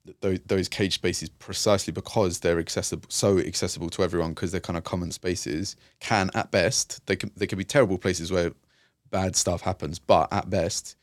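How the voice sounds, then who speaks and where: In a conversational interview, a guest who works with youth and communities talks through his job in a very low, deep voice. He is reflective and halting, often circling back with fillers and restarts, his tone steady. The recording is close and dry, with no room behind it.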